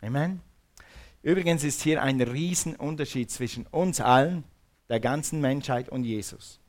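A man's voice: medium pitch, moderate pace. A man preaching a sermon, fervent and repetitive, calling on the congregation to repeat words after him. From Switzerland.

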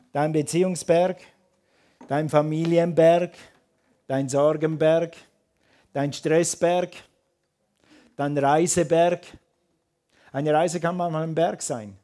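A man preaching to a congregation, his voice sitting on the higher side for a man. He hammers his points through repeated phrases and asks rhetorical questions in an emphatic, rising cadence. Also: darkish tone. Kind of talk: sermon.

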